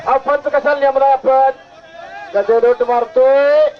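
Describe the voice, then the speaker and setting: A man commentating on a wrestling match over a loudspeaker outdoors, commanding the crowd and the referees. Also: very high voice, steady tone, slow pace, noisy background. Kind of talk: live event commentary. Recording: muffled loudspeaker sound outdoors.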